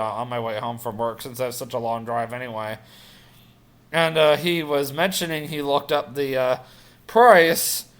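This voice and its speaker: A man's voice: medium pitch, fairly bright tone. A man in his late twenties rambling through a casual personal vlog update, full of fillers and self-corrections. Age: 20s. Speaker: vlogger.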